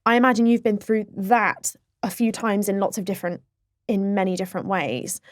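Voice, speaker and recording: Young woman, podcast host, mid-pitched voice, dry studio mic. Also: steady tone, moderate pace, no echo. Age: young adult. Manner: supportive, frequent short backchannels. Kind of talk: interview conversation.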